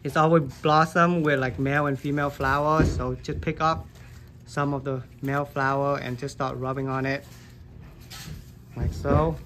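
A gardening vlogger films his hands with a handheld phone while casually showing how to hand-pollinate plants in a basement grow room. His medium-pitched, slightly bright voice holds a level tone at a moderate pace, loose and chatty with lots of "like" and "um," and there's slight background noise.

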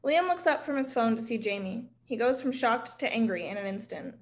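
A young woman playwright introduces her play and reads its stage directions, speaking at a table indoors and over a video call. Her voice is fairly high, lively in intonation and fairly quick. The room noise is clearly audible.

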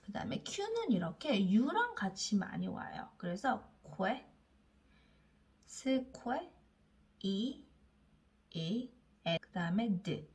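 A woman leads a phonics lesson, stretching each letter sound very slowly and drawing it out. Her pitch bounces around a lot as she coaxes the listeners to repeat each word after her. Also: sing-song, a little mellow. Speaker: English reading teacher. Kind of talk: slow phonics lesson for learners.

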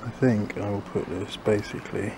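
His voice is on the low side, with fairly even intonation and a moderate pace. This gardening vlogger plants in a small backyard garden, narrating casually to camera as he muses, second-guesses, and often trails off. The outdoor recording is noisy.

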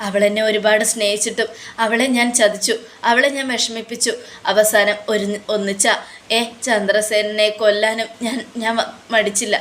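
A woman voicing a scheming older father who is grief-stricken and pleads in a tearful, halting way in a retold TV serial. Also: medium pitch, level tone, a bit bright, natural voice. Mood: grieving. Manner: tearful, begging, halting repetitions.

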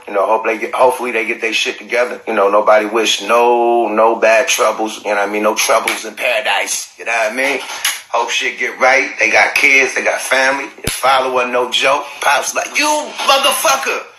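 A man's voice: medium pitch, bright, forceful tone. A middle-aged man telling stories on a phone livestream, profane and laughing often mid-sentence. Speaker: livestream host. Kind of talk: casual storytelling on a livestream. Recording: roomy, noisy phone livestream.

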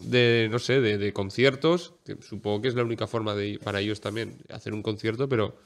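A man's voice: fairly low pitch, fairly even intonation, fairly quick. A man co-hosting a casual podcast, musing hesitantly with lots of fillers. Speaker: podcast co-host.

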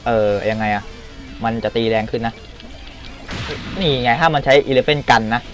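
A man from Thailand giving loud, excited commentary while playing a mobile game on a computer, often shouting and taunting opponents. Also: mid-range voice, a little slow, soft background music. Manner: shouty bursts, swearing, talks to opponents. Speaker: gameplay streamer.

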